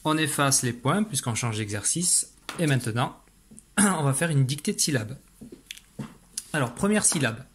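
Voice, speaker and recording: A man's voice: mid-range voice, a little hiss or hum. A man teaching young children in a recorded video lesson, giving patient step-by-step instructions as he writes on a slate.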